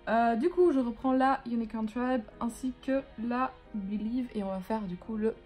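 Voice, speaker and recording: A woman's voice: fairly high pitch, normal speed, a little mellow, soft background music. A woman doing a casual makeup tutorial at home, chatty, rambling and self-mocking, with casual swearing. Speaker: beauty vlogger. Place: living room at home, on a couch.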